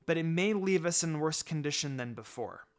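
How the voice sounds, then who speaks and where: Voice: medium pitch, expressive, normal speed, voice pushed down, close to an everyday voice. Someone doing Hinata, a careful young ninja girl. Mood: cautious. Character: careful, thoughtful twelve-year-old ninja girl, Hinata.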